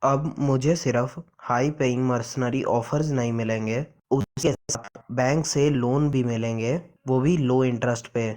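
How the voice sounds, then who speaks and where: A man's voice: mid-range voice, steady tone, measured pace, hardly any pauses, darkish tone, natural voice. A man voicing a boastful, reckless young male hero in a comic recap, with a cocky, defiant delivery in his own everyday voice.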